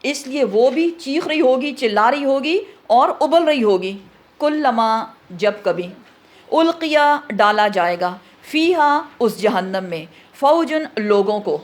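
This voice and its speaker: A woman with a fairly high voice teaching a Quran explanation lesson. She poses questions to her listeners and answers them herself, slipping English words into her talk. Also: animated. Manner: mixes English words into speech.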